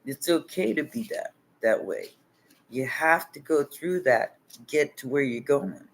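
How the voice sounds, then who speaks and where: A man's voice: fairly high pitch, lively intonation, measured pace, gravelly. A man giving a casual livestream tarot reading, laid-back and chuckling as he rambles, sounding tired with his voice nearly worn out. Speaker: tarot reader.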